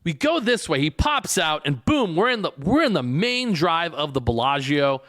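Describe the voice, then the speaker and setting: Excitable rambling male podcast host. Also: fairly high pitch, normal speed, dry recording, clean studio sound. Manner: rambling and excitable, with frequent restarts. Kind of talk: casual storytelling podcast.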